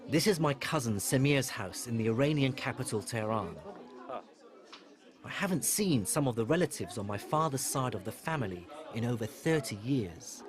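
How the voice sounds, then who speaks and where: A middle-aged man from Iraq, presenting a documentary in a measured, storytelling narration. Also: mid-range voice, expressive, a crowd in the background. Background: music.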